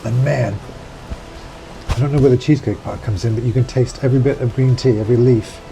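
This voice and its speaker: A man with a dark, mellow voice gives dry, understated vlog commentary on a cruise ship. He records on a handheld camera, with faint noise behind him. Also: mid-range voice, steady tone, brisk, creaky, low-quality recording. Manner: wry, understated, dry humor.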